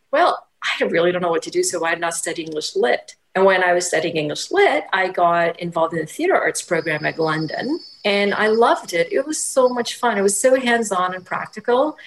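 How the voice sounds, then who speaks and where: A woman from Portugal, a guest telling stories from her life in a lively, animated way. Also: medium pitch, poor audio. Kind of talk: casual interview.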